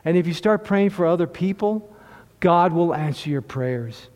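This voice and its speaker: A middle-aged man preaches a personal testimony in a church hall, his slightly high voice carrying a long reverb. He talks in a chatty, storytelling way, often stumbling and restarting his phrases. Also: expressive, normal speed, darkish tone. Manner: conversational storytelling with repeated restarts. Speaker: lay preacher sharing testimony. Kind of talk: sermon testimony.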